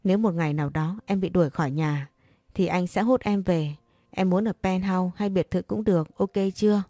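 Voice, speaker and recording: A woman's voice: fairly low pitch, moderate pace, warm tone, dry recording. A woman voicing a caring but pushy young man who scolds and coaxes a crying friend. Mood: coaxing. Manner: scolding yet tender, coaxing. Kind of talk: audiobook character reading.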